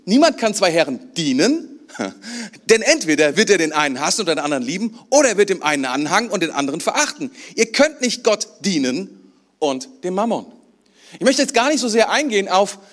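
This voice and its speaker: High-voiced man preaching a sermon. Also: very animated, a little fast, a bit bright. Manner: conversational, asks the congregation questions. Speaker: pastor. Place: church.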